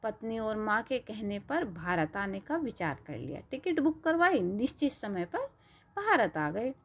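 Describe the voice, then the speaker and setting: A woman narrating a devotional story in a gentle, emotive manner. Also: mid-range voice, sing-song, unhurried. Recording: dull lo-fi recording.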